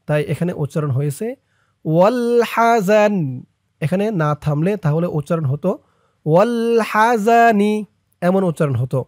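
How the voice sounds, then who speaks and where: Male prayer teacher, high voice, slow measured delivery, patient drills, dry close-mic recording. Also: a little mellow, no room sound. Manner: patient, repeats each syllable for viewers to follow. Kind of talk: spelling-out lesson of a prayer.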